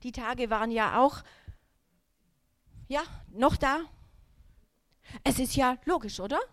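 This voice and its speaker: Woman in her 30s, sermon testimony, lively storyteller, voice a bit on the high side, talks right at the crowd. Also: slow pace. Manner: lively storytelling that acts out her own quoted thoughts and outbursts; direct, addresses the listeners.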